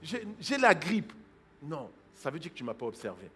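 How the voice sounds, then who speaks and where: A pastor delivers a sermon, moving from hushed asides to loud exhortation, imitating people's excuses in quoted voices, and breaking into prayer in tongues. His voice is fairly high with huge pitch swings, at a moderate pace, over slight background noise.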